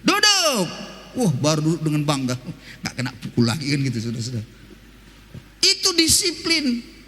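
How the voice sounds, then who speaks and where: A man preaching a sermon as pastor, telling stories in a lively, colloquial way with rhetorical questions. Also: a little high, fairly quick, long reverb tail.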